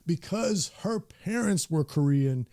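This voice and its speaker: A man with a Southern US accent, from the Deep South, giving a measured, scripted personal commentary. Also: lively intonation, warm tone. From Deep South, USA. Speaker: video essayist.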